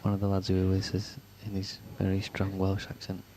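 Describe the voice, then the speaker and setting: A man commentating live on a pool match, with hushed, dry, chatty asides between shots. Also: low-pitched, monotone, quick pace. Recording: noisy venue background.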